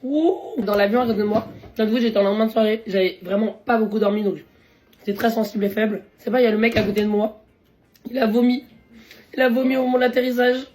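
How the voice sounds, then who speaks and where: A young woman with a hoarse, worn voice chats casually in a food vlog, slangy and quick to laugh. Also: a little high, steady tone, a little mellow, slight background noise. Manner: chatty, slangy, laughs often. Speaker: vlogger.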